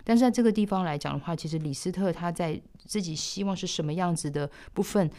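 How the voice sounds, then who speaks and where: A woman explaining a piano score step by step in a thoughtful way, sometimes trailing off softly. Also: on the low side, fast. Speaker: piano teacher. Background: piano playing.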